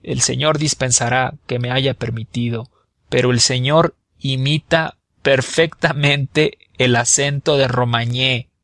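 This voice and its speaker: A man's voice: mid-range voice, steady tone, a little slow, fairly bright tone, no echo, clean studio sound. A man voicing a timid, scrawny male servant who answers meekly and apologetically. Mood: apologetic. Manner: meek, apologetic.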